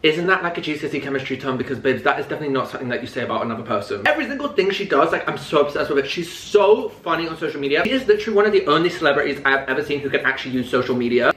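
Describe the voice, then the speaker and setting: A British man in his twenties talks to the camera in a camp, playful, self-mocking chatter while he eats. His voice is bright and swings up and down all the time. The room around him sounds echoey. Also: on the high side, expressive, rapid-fire, hardly any pauses, a little hiss or hum. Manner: eating while talking. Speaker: vlogger. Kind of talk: casual chat to camera. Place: indoor room with an open window.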